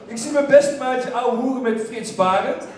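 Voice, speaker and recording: High-voiced man telling a funny story on stage. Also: normal speed. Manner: lively, bursts into shouted exclamations. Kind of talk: humorous storytelling to a live audience. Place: theater stage. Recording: echoey theater from far off.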